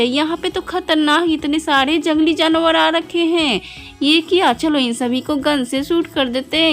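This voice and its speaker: A woman's voice: sits high, fairly bright tone. A woman narrating a toy play video for children in a playful way, sweet-talking the toys and exclaiming in wonder. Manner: exclaims in wonder, keeps asking "what's this?".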